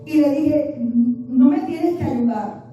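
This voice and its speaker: A middle-aged woman preaches with a high yet mellow voice, telling stories in an animated way that dips soft and then rises loud and emphatic. She sounds set back from the microphone, and the hall around her rings with heavy echo. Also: slow pace, soft background music. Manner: animated storyteller, swings from hushed to loud and emphatic. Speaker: pastor. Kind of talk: Spanish-language sermon with personal storytelling. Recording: echoey church hall, voice from a distance.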